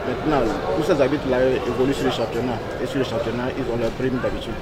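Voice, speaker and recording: Guy from the football federation answering reporter questions outside, lots of ums and restarts, loud crowd all around. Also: mid-range voice, fairly even intonation, fast talker, heavy background noise. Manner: hesitant, repeats words, many fillers. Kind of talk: news interview answers. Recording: outdoor interview with loud crowd. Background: loud crowd chatter.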